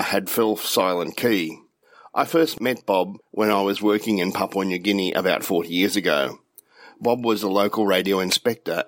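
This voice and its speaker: An older Australian man whose voice sounds nasal and blocked from a cold. His low voice comes across dry and close, with no room around it. He reads his report steadily. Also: no echo. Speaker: radio club official giving a news report. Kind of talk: read news commentary.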